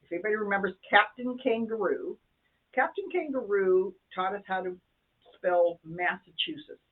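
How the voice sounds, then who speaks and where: A woman's voice: medium pitch, lively intonation, normal speed. An older woman co-hosting a casual chat show, chatty and self-deprecating with playful jokes. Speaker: co-host. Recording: tinny phone-like sound.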